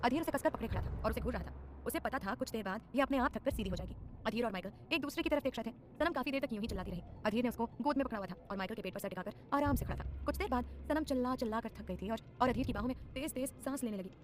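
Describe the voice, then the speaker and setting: Fast-talking woman narrating an audio story. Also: a little high, animated, slight background noise.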